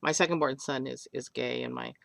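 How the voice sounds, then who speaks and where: A woman's voice: a bass voice, fairly even intonation, a little fast, gravelly, a bit bright. An older woman teaching a polymer clay craft on a webcam, chatty and rambling, with self-deprecating jokes along the way.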